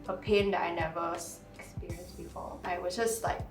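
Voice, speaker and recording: A woman, telling her own story as an interview guest, soft-spoken and halting, with many fillers. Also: on the low side, flat delivery. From Singapore. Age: 20s. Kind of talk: personal story in a sit-down interview. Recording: roomy sound from a distant mic, music behind.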